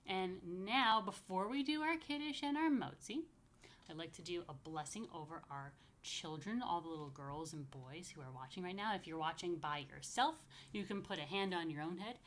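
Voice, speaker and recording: In an apartment, a woman rabbi leads a casual story time for young children, explaining things simply and repetitively and adding chatty, playful asides. Her voice sits on the low side at a moderate pace, and the child-friendly religious talk includes blessings.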